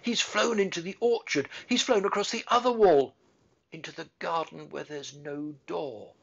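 A man's voice: medium pitch, wildly swooping pitch, slow pace, gravelly, fairly bright tone, breathy edge, heavily acted. A man voicing a curious, imperious little girl who asks eager, insistent questions, in a muffled lo-fi recording. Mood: excited.

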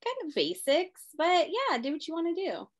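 A woman's voice: very high-pitched, huge pitch swings, moderate pace. A woman co-hosting a podcast in casual chat, playful and teasing, acting out little scenes as she talks. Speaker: podcast co-host.

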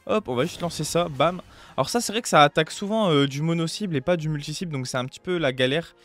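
A man's voice: fairly high pitch, quick pace, a bit bright. A young man giving casual, upbeat gameplay commentary, chatty and full of fillers, as a gaming youtuber at home on a close desk mic.

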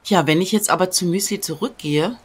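Plaudernde Let's-Play-Spielerin mit deutschem Akzent. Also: female voice, fairly low pitch, a little fast, husky. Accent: German. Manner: chatty, often drops into whispers. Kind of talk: casual gameplay commentary. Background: game music.

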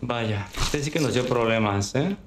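A man giving casual, unhurried gameplay commentary on a livestream, thinking aloud as he plays. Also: medium pitch. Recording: roomy echo with clear background noise.

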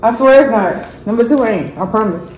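In this rough, echoey recording with slight background noise, a woman urges her partner through a casual couple's challenge, counting down and repeating her encouragement. Her voice is fairly high, a little mellow, and animated at a normal speed.

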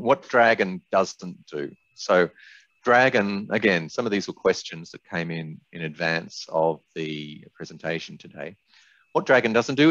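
An older man presenting for a software company gives an explanatory webinar in an informal, candid manner, his voice low and a bit bright. He is indoors in a small room on a video call, and the webinar audio is slightly dull and roomy.

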